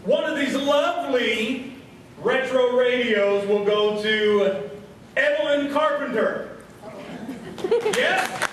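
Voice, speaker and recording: An American man emcees a live radio stage show before an audience, joking in a folksy, comedic way. His voice is very high and sing-song, and he goes slowly with long pauses. The recording is noisy and echoey, from a distant mic in a hall, with a faint crowd audible.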